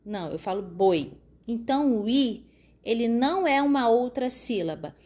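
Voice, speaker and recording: A woman teaching a lesson to young children, explaining patiently and often checking that they follow. She draws words out slowly when sounding out syllables. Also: a little high, expressive, warm tone. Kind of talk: recorded classroom lesson for children.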